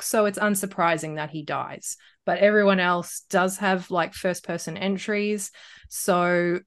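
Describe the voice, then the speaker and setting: A woman co-hosting a casual book podcast, chatty and quick to laugh, with hesitant fillers. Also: on the low side. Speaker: podcast co-host.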